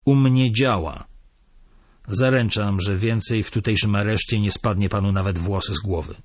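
A man's voice: fairly low pitch, no room sound, studio quality, close to an everyday voice. A man voicing a stern, cool-headed police officer who speaks firmly and coldly. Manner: firm, measured, cold.

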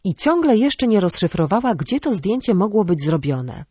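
A woman narrating an audiobook in a measured, even way. Her voice sits at a middle pitch. The recording is close and dry, with no room sound. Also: breathy edge, dry recording. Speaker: audiobook reader. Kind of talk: scripted narration.

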